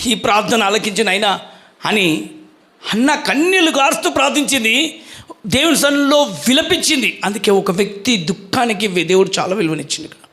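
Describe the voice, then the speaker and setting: A man's voice: very high voice, expressive, fairly quick, sharp tone. A male pastor preaching a sermon, questioning the congregation and calling for their answers.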